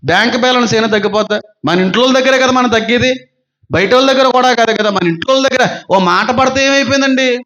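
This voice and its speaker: A male pastor with a high voice delivers a sermon, driving his points home with strings of repeated rhetorical questions. The recording sounds dull and lo-fi. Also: quick pace, fairly bright tone.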